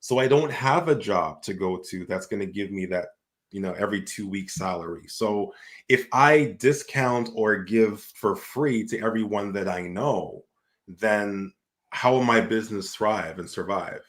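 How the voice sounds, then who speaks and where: A man's voice: fairly low pitch, a little slow. A man hosting a casual talk as an entrepreneur, speaking reflectively and often filling with "like". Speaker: host and entrepreneur.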